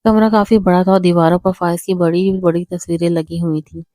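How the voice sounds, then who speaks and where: A woman reads a romantic novel aloud as a bedtime story in a steady, even storytelling manner. Her voice is fairly low and mellow. The recording is dry and close, with no room sound. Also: no room sound. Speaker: narrator.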